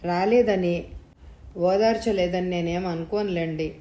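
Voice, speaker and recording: A woman reading the lines of a devoted young wife in an audio story, gentle and reassuring. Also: on the low side, fairly even intonation, unhurried, close to an everyday voice. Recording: roomy echo.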